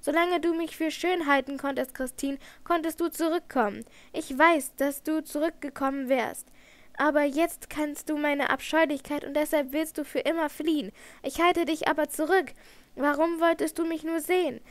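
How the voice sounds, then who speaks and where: A woman's voice: high-pitched, fairly even intonation, normal speed, dry recording, lightly acted. A woman voicing a raging disfigured phantom. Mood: raving lament. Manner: roaring, mocking, raised voice. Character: disfigured masked man, furious and obsessive.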